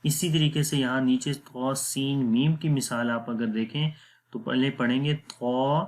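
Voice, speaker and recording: A man's voice: medium pitch, steady tone, darkish tone. A man teaching Quran reading rules, explaining each step patiently and repeating them plainly. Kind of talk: step-by-step tajweed lesson.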